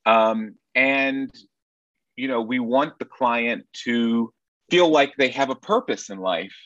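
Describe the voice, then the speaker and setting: Speaking slowly in a mid-range, slightly bright voice, this Nashville, Tennessee man answers interview questions as a sex therapist guest. He comes across as earnest, wry and reflective, and the audio is dull with no room sound.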